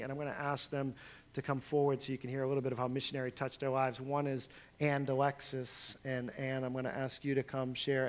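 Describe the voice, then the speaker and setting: A man who is a pastor, giving church announcements and introducing speakers in a conversational way with frequent fillers. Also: mid-range voice. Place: church sanctuary.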